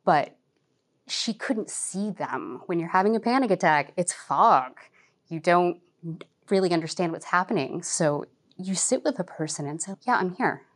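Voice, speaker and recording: A woman librarian answering interview questions, calm and practical, explaining things step by step. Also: low-pitched.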